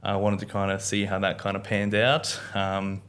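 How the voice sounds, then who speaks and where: A young man talks casually as a podcast guest. His voice sits low, and his delivery is relaxed and easygoing. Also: normal speed. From Australia. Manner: relaxed, laughs easily, lots of "um".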